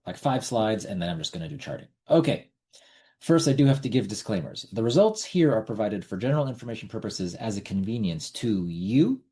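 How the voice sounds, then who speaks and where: A man's voice: lowish voice, dark tone. A middle-aged man hosting a casual online trading webinar, talking bluntly with repeats and the odd swear word. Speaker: webinar host.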